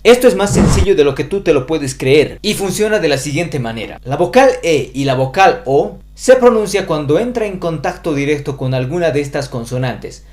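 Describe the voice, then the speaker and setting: A man's voice: a little high, lively intonation, normal speed, few pauses, a little mellow, slight background noise. A man with a Bolivian Spanish accent giving a pronunciation lesson, carefully spelling out each sound. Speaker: language teacher.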